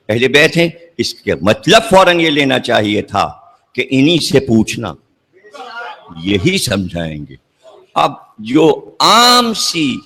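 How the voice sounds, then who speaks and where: A man delivering a sermon, building to emphatic, near-shouted climaxes and then dropping low again. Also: in a large hall. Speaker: preacher.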